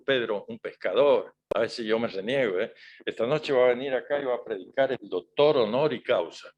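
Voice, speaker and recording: A male preacher giving a sermon in a conversational style, often tagging his points with rhetorical questions to the congregation. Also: mid-range voice.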